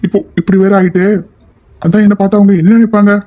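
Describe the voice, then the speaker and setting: A woman lowers her voice to play an anxious young man in a homemade audio drama. He keeps pleading and apologizing, his tone deeper than a woman's usual speech. The delivery stays plain and even. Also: fast talker, dull audio, lightly acted. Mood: worried.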